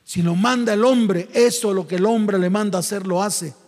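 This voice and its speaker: Pastor, very high voice, emphatic call-and-response sermon, reverberant church hall. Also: male voice, steady tone, moderate pace, a little mellow.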